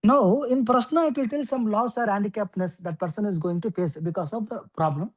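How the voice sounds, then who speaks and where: A woman teaching an astrology class, explaining step by step with frequent okays and pauses. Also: mid-range voice, darkish tone, breathy edge, poor audio. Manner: explains slowly with many okays and fillers. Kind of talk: lecture.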